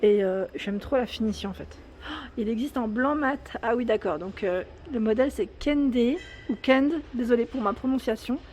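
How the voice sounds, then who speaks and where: This shopping vlogger, a woman with a French accent, enthusiastically narrates a casual trip through a large home improvement store indoors, reading prices and sizes aloud. Her voice is fairly high and a little mellow, a bit fast, with a little hiss or hum present.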